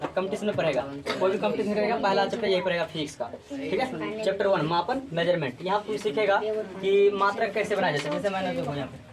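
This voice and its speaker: A woman's voice: mid-range voice, quick pace, a crowd in the background. A woman teaching a physics class, drilling students with repeated call-and-response questions. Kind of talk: classroom lecture.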